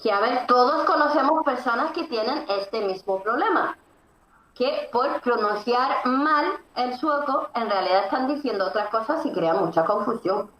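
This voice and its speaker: A woman as an interview guest, explaining emphatically and often pausing on fillers. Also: a little high, lively intonation, a bit bright. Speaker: interview guest, Swedish teacher. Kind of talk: conversational explanation. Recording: echoey room, faint background noise.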